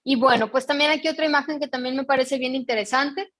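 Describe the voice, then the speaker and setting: Mexican lady running a parenting workshop, high voice, keeps checking the audience is with her. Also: steady tone, fast talker, a bit bright. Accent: Mexican Spanish. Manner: explanatory, asks the audience frequent checking questions; reads out picture dialogues in a storytelling tone. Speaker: workshop speaker on emotional education. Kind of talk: online workshop talk.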